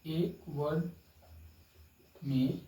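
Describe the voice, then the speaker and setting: Man, YouTube teacher, slow explaining, off-mic. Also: on the high side, warm tone, reverberant, distant mic, a little hiss or hum, low-quality recording. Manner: slow, drawn-out explaining with frequent "ठीक है" checks. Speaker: English teacher. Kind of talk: YouTube grammar lesson.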